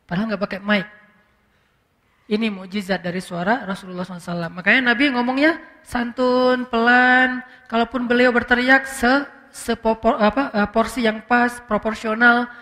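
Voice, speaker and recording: A man preaching in a relaxed, conversational way, full of fillers and the odd English word. His tone is bright and forward, and the sound carries a long hall reverb. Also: extremely high pitch, fairly quick. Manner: chatty, many fillers, slips in English words. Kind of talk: casual storytelling sermon.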